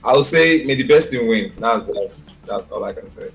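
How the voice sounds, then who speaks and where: A man's voice: mid-range voice, animated, moderate pace, over music. A man managing a gaming team, talking on a video call in a hesitant way with many fillers.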